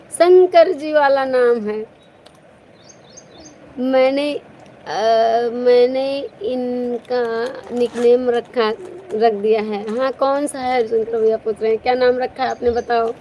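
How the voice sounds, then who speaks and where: A woman's voice: a little high, warm tone, a little hiss or hum, rough recording. A woman hosting a casual live stream, chatting playfully with viewers and teasing them with laughter.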